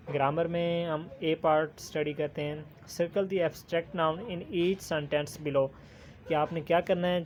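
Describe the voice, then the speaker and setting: A man teaching a recorded textbook lesson. He reads English phrases slowly, then explains them. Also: on the high side, slight background noise.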